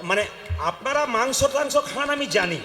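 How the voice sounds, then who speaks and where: A man with a Bengali accent giving a devotional sermon, questioning the audience and asking them to answer loudly. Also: very high voice, expressive, normal speed. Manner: questions the crowd and calls for loud replies. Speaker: kirtan preacher. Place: hall with an audience. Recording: echoey hall with long reverb.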